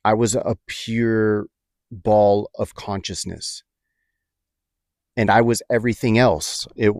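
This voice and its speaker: A man recounts a personal experience in a low voice, pausing often and restarting his sentences. The sound is dry and close, with no room around it. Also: darkish tone, no room sound. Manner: reflective, halting, many fillers and restarts. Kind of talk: personal storytelling.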